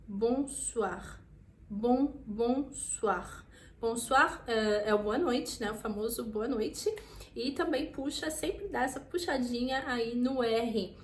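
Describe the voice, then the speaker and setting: A young woman with a São Paulo accent talks through a casual vlog lesson, slowing down to model words. Her voice sits a little high. The room around her is echoey. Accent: Brazilian Portuguese, São Paulo. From Brazil. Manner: chatty, slows down to model words. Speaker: vlogger teaching French pronunciation.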